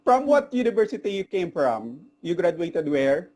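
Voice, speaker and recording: Emphatic talk show host. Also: male voice, high voice, big pitch swings, normal speed, a little mellow, a little hiss or hum. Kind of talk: live online talk show.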